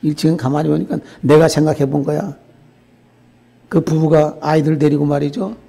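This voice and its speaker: An older man preaching a sermon as pastor, telling a story in an animated way and often checking in with the congregation. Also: a little high, moderate pace, gravelly, husky.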